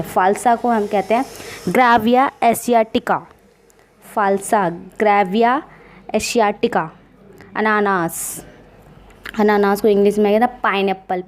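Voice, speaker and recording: A woman teaching vocabulary slowly and patiently, spelling each word out letter by letter. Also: medium pitch, a little mellow. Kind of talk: slow, patient vocabulary lesson.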